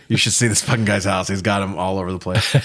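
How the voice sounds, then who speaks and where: On a casual movie review podcast, a male co-host speaks quickly in a low, slightly bright voice with fairly even intonation, cursing freely and giving blunt opinions.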